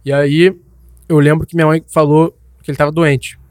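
A man's voice: on the high side, little pitch movement, normal speed, a little mellow, no room sound. Slangy young man telling his story. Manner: loose, slangy, many restarts and tags. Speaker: guest. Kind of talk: candid personal storytelling.

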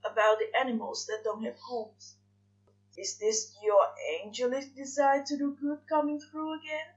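A woman voicing a sulky, sarcastic male demon, speaking low and dry. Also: level tone, normal speed. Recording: dull lo-fi recording.

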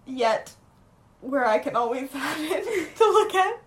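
A young woman co-hosts a podcast in a loose, rambling way. Her voice sits a little high, and she keeps filling her sentences with casual words as she recaps a show. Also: sing-song, slow pace. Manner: rambling, chatty, heavy with filler words. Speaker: podcast co-host.

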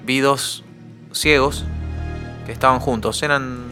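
A young man with an Argentine Rioplatense accent, telling a personal anecdote on a podcast in an animated way. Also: mid-range voice, slow, soft background music. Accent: Argentine Rioplatense Spanish. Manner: animated, acts out quoted voices with shouts. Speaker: guest storyteller.

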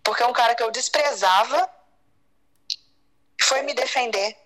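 A woman's voice: a little high, a little slow, a bit bright, poor audio. A woman, telling a personal story as an interview guest, repeating phrases and acting out other people's words. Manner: repeats phrases, acts out quoted dialogue. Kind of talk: emotional personal confession.

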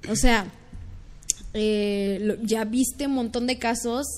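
A young Mexican woman talks in an earnest, storytelling way, her voice sitting fairly high. She often lets her words sink into soft murmurs. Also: steady tone, slow pace. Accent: Mexican Spanish. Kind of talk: casual chat.

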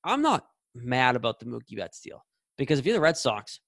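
A man in his late twenties speaks in a casual podcast chat, laying out blunt, opinionated arguments. His voice sits at a middle pitch and sounds dry and close, with no room echo. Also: big pitch swings, fairly quick, gravelly, a bit bright. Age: 20s. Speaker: podcast co-host.

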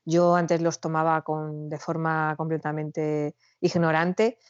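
Lively woman chatting, dull dry sound. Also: low-pitched, slow, no room sound. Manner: animated storyteller, acts out quoted dialogue. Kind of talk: casual chat. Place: Spain, back from living in France.

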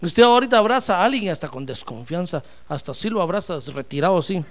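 A fervent male preacher delivers a sermon in a high voice that leaps up and down in pitch. He keeps calling his listeners brother and slips into the voices of the people he quotes, so the delivery stays theatrical and lively throughout. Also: quick pace.

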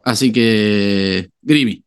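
A man's voice: fairly low pitch, drawn-out words, smooth. A man hosting a casual sports podcast and addressing his co-hosts with mock formality. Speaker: podcast host. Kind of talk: casual podcast chat, quiz master.

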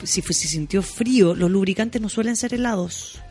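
Mujer chilena de treinta y tantos, tono medio, explicativa, música suave de fondo. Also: female voice, normal speed, darkish tone, soft background music. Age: 30s. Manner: explanatory, acts out quoted lines in a higher voice. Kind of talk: casual podcast chat.

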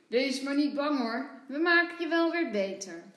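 A woman's voice: high-pitched, lively intonation, moderate pace, fairly bright tone, reverberant. Tommy, a woman doing a cheerful boy doctor. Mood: playful. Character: young boy playing doctor, cheerful and reassuring.

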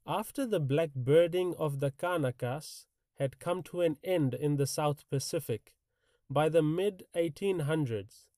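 A man's voice: a little high, mellow, dry recording, studio quality. A man presents a scripted educational podcast in a formal, careful way. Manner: formal, careful, measured delivery.

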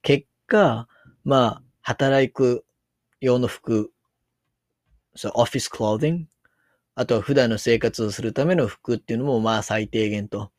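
A man's voice: mid-range voice, a little slow, no echo, clean studio sound. A man with a Kansai accent giving casual commentary on a news article, musing aloud and reading passages out as he goes. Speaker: solo commentator.

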